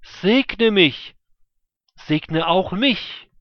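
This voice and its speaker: A desperate grown son pleads and cries out for his father's blessing, his voice straining upward and growing loud, as a male reader puts him on. The delivery is slow and drawn out. The recording is dry and dull. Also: mid-range voice, no room sound, pitched above the performer's own voice, natural voice. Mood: desperate pleading. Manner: crying out, pleading loudly. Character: pleading grown son, elder brother, bitter. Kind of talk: scripture reading.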